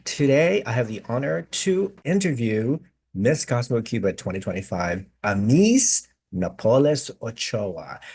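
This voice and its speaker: Husky-voiced guy hosting an interview over video call, chatty, gushing, keeps restarting. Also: mid-range voice, darkish tone. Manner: chatty, effusive, many restarts. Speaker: host.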